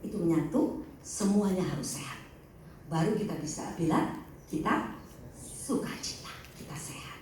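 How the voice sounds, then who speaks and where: A middle-aged woman counselor giving a teaching talk to a group, lively, acting out examples in other voices. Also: on the low side, moderate pace, long pauses, a little hiss or hum. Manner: animated, acts out patients' voices. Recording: echoey hall, mic at a distance.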